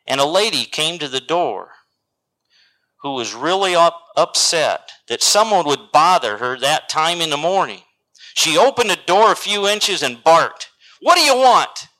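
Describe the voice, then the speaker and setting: A male preacher delivers a slow, dramatic sermon with scripture and a story. His voice is fairly high and bright. It leaps up loud, then drops to hushed whispers. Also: lively intonation, rough recording.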